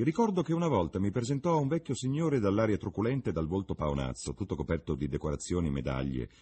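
Guy doing an ironic young lord from an old novel, low voice, lots of swing in it. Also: dark tone, breathy edge, full character voice. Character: witty cynical young English lord.

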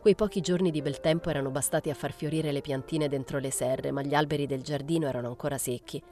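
A woman reading a literary novel aloud in a measured, even storytelling manner. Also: low-pitched, soft background music. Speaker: audiobook reader. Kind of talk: literary audiobook narration.

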